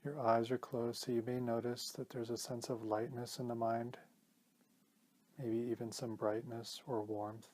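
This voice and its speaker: In a guided meditation, a male teacher speaks at a medium pitch. He sounds calm and gentle, moving at a measured pace with pauses.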